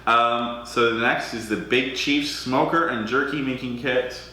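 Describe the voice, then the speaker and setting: A man's voice: medium pitch, a little slow, sharp tone, slight background noise. A young man from Alberta, Canada, hosting a charity auction on a livestream, chatty and self-deprecating, often hesitating with ums. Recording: very echoey room.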